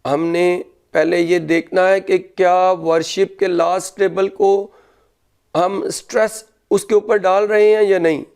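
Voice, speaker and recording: A male English teacher, dictating grammar rules slowly and explaining them in Urdu, spelling words out letter by letter. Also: high-pitched, level tone, a little mellow, clear, resonant tone.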